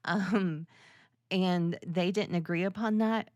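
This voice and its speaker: Slow-paced, lower-voiced woman podcaster. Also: steady tone, darkish tone, no echo, highs cut off. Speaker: podcast host. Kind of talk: solo podcast monologue, conversational explainer.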